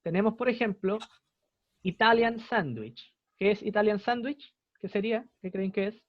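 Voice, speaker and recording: A man's voice: sits high, steady tone, fairly quick, no echo, muffled recording. A young man with a Chilean Spanish accent, patiently explaining English grammar to students in an online class and repeating his examples. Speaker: English teacher.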